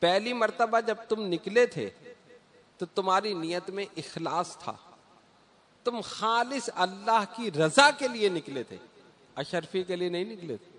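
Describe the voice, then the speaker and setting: A preacher doing a sly gloating devil. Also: male voice, high voice, animated, measured pace, fairly bright tone. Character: sly male devil gloating over a tempted worshipper.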